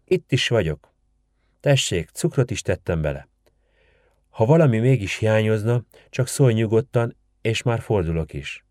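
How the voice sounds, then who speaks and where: Fussy sharp-tongued old village woman, voiced by a male storyteller, dark low tone. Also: expressive, no room sound, studio quality, close to an everyday voice. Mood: fussing. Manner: scolding, folksy and bustling.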